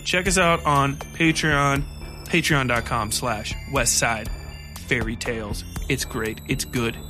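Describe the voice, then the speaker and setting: Over music, a man speaks slowly in a steady, medium-pitched voice. He's a podcast host doing a casual solo film review and rant, rambling along with plenty of profanity and slang.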